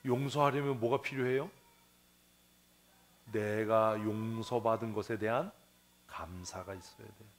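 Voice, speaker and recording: A man's voice: fairly low pitch, steady tone, a little slow, pauses often, a little hiss or hum. A man pastor giving a sermon in church, telling a parable in a conversational way, acting out its characters and asking the congregation questions. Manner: conversational preaching, acts out the parable's voices, asks the congregation questions. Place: church sanctuary.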